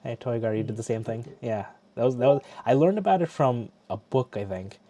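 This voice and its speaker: His medium-pitched, dark voice moves briskly as this middle-aged man from Bangladesh chats casually on a live stream. He keeps things loose and often restarts what he's saying.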